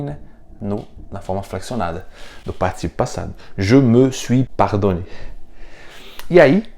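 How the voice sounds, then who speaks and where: Brazilian man, mid-pitched, lively, chatty step-by-step teacher. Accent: Brazilian Portuguese. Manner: chatty, explains step by step, jokes. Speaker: French teacher. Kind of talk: casual video lesson.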